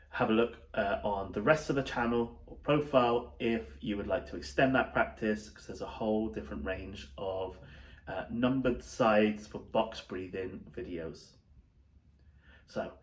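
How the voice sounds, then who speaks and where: A man talking viewers through a breathing exercise in a casual instructional style. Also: fairly low pitch.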